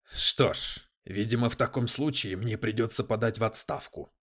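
A man voicing a brash male police detective who talks in crude slang, loud and sarcastic. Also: on the low side, moderate pace. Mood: cocky.

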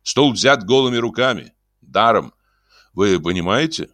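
A man's voice: fairly low pitch, expressive, unhurried, fairly bright tone, no echo, voice pushed up. A man voicing a cool, stern conman who speaks in curt, commanding phrases with dry irony, in an audiobook. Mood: ironic. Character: cool, stern smooth-talking male conman. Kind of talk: audiobook character voice.

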